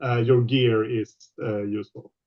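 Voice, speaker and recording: Guy gm on a voice call, kinda dull lo-fi audio, patient halting rule explainer. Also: medium pitch, fairly even intonation. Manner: explains rules patiently with many pauses. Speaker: game master. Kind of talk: running a tabletop game online.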